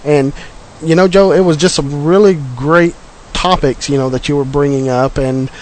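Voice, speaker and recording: A man's voice: on the high side, normal speed, low-quality recording. A man hosting a radio show in casual interview chat, often stumbling over his words.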